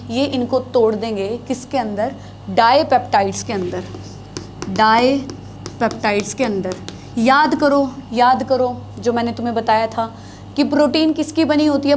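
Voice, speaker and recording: Lady teacher lecturing at a board, high voice, keeps asking the kids stuff and repeats terms, faint room hiss. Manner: asks the students questions and answers them herself; repeats key terms, mixing Hindi with English. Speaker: biology teacher. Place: classroom, writing on a board.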